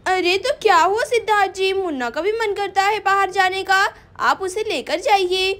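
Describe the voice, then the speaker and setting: A woman's voice: very high voice, normal speed, fairly bright tone. Woman as a chatty bossy young housewife. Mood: scolding. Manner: chatty, scolding, talking to herself. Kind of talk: storytelling with doll play.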